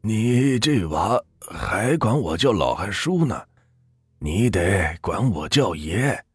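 A slow, husky old ghost, as a male storyteller puts him on speaks from a storybook tale in a low, breathy drawl. He sounds kindly and wistful. The recording is dry with faint music underneath. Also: big pitch swings, dry recording, exaggerated voice. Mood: teasing.

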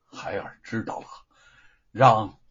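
A man's voice: fairly low pitch, slow, a bit bright, husky, highs cut off, pitched below the performer's own voice, exaggerated voice. A man voicing an earnest, dutiful young son.

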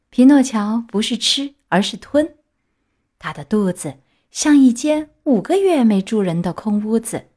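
A woman narrating a children's book aloud with steady, clear delivery. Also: medium pitch. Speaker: storyteller.

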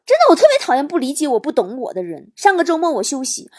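A woman's voice: high voice, fast talker. A woman hosting a talk show, telling jokes and funny stories in a comic monologue, acting out the quoted lines. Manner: lively, acts out quoted lines with laughs.

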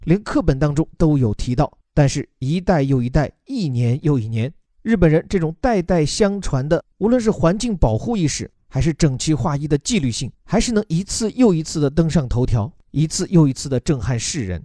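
Man, young adult, lesson podcast, spells words out letter by letter, slightly high voice, dry sound. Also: sing-song, fairly quick, few pauses, dark tone, no echo. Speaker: English teacher explaining a news text. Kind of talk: podcast lesson mixing Chinese and English.

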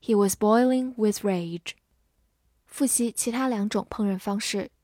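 A woman teaching English vocabulary at an unhurried pace, spelling each word out and slowly repeating the example sentences. Her first language is Mandarin Chinese. The sound is dry, with no room echo. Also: medium pitch, darkish tone. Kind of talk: slow, clear vocabulary lesson.

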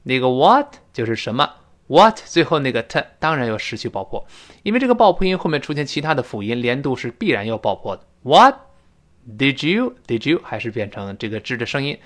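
A male English teacher giving a spoken-English lesson, switching between chatty explanation and slow, stretched-out demonstrations of how words are pronounced. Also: mid-range voice. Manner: animated, drawn-out demonstrations of pronunciation; chatty, classroom storytelling tone.

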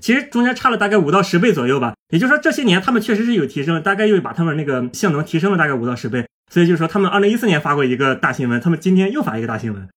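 Rapid, lively man explaining physics. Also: on the high side. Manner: lively, explains step by step with everyday images. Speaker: guest, plasma physicist. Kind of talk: explanatory podcast chat.

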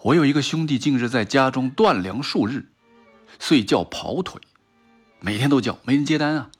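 A man telling a humorous story as a monologue, with a Shanghai Mandarin accent, switching between excited crowd voices and calm narration. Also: mid-range voice, moderate pace, husky, faint music behind. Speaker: comic storyteller.

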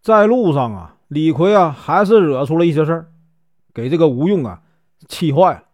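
A man's voice: a little high, expressive, moderate pace, darkish tone, no echo. A man, telling a classic tale in a chatty folk storytelling style, stretching out his filler particles.

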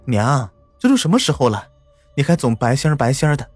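A man's voice: medium pitch, very animated, fairly quick, slightly rough, faint music behind, voice pushed up. Fretful village mother, voiced by a man. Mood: anxious. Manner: fretful, urgent.

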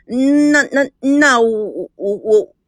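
A flustered young man who stammers and yelps, his voice jumping high and all over the place, as a woman storyteller puts him on. The sound is dry and close, with no room around it. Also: animated, very slow, no room sound. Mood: stammering. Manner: stammering, yelping.

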